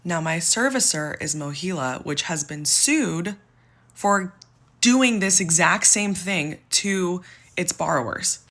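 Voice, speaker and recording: A woman's voice: on the low side, animated, slow, a bit bright. A woman venting at length, frustrated and close to tears, in a personal vlog. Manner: frustrated, exasperated, near tears. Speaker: social media poster.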